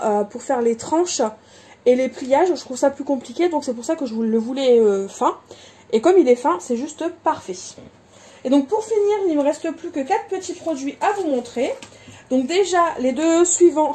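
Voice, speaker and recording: A crafting vlogger with a high, warm voice shows off her craft supplies in a casual show-and-tell video. She's chatty, with plenty of fillers and self-corrections.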